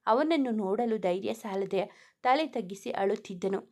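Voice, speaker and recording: A woman narrating a romantic audio story in an even storybook manner. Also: mid-range voice, normal speed.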